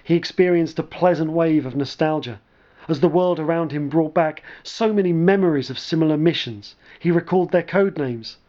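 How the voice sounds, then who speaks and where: A man narrating a scripted story in a measured, dry storytelling manner. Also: a little high, muffled recording.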